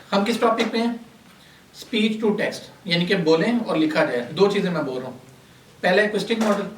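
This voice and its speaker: A man's voice: fairly high pitch, a little hiss or hum. A man giving a classroom lecture, explaining step by step and answering his own questions to the class. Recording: echoey room, voice from a distance.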